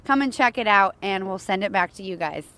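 A woman's voice: medium pitch, animated, fairly quick, bright, forceful tone. A woman doing a chatty, upbeat live TV field report outdoors and interviewing fans. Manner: upbeat, chatty, asks questions. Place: outdoors at a stadium area.

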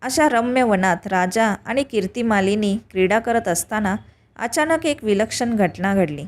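A woman telling a devotional tale as scripted narration, reading evenly in short, measured phrases. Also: medium pitch, lively intonation. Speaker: storyteller.

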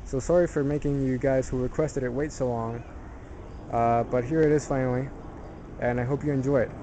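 A man with a medium-pitched, steady voice presents a hands-on DIY tutorial in an informal, halting manner, correcting himself as he explains. The background is noisy.

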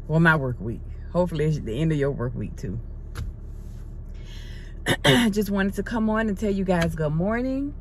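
A woman's voice: lowish voice, slight background noise. A middle-aged woman, chatting casually to viewers from her car and leading a spoken prayer with an encouraging, repetitive cadence. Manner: upbeat, encouraging, repeats phrases in prayer cadence. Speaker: vlogger. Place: parked car interior. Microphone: phone camera on the dashboard.

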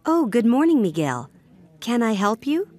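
A woman voicing a helpful ticket seller in a scripted English-learning dialogue, slow and carefully enunciated. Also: on the high side, very animated, a little mellow, full character voice.

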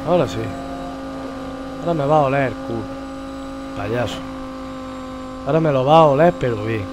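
A man with an accent from Spain, commentating a racing game in an excitable way and swearing loudly at it. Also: medium pitch, normal speed, background noise. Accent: Spain Spanish. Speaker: gamer. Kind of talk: gameplay commentary.

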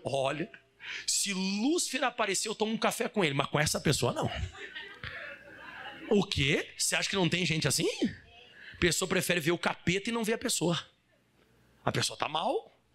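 High, lively male pastor preaching. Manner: animated preaching with rhetorical questions and shouts. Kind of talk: sermon. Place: church service hall.

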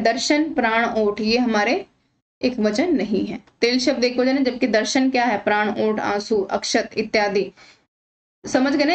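A woman's voice: fairly high pitch, dull audio. A woman teaching an exam-prep grammar lesson, patiently asking questions and answering them herself.

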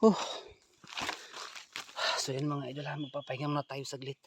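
A man's voice: fairly high pitch, completely flat delivery, normal speed, background noise. Dramatic man narrating a ghost hunt. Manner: dramatic, swings between hushed and shouting, addresses viewers directly. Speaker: ghost hunter vlogger. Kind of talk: live ghost-hunting vlog narration. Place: outdoors near a rural hut.

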